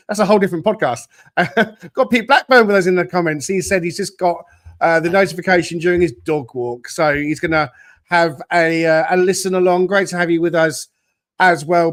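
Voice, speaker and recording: A man's voice: a little high, a bit bright. A man hosting a podcast, upbeat and chatty, welcoming commenters and introducing his guest. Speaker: podcast host. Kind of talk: casual chat.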